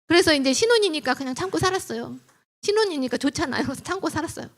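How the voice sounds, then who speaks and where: A middle-aged woman giving a lively church lecture on family life, telling stories and asking the audience questions. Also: high voice. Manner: animated storytelling, asks audience questions.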